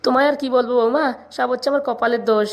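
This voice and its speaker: A woman's voice: a little high, steady tone, very fast, lo-fi sound, lightly acted. A woman voicing a weepy, meek old man. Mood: pleading. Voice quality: whiny, pleading. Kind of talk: cartoon voice acting.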